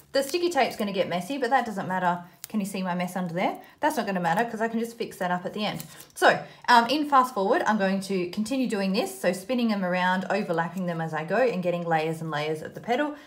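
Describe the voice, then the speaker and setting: An Australian woman talks through a craft activity in a casual, thinking-aloud way, at a middling pitch. She is informal and self-deprecating, like a host chatting while her hands are busy. There is noticeable background noise with small clicks on the recording. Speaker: host of a children's craft video. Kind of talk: casual craft tutorial, talking while working.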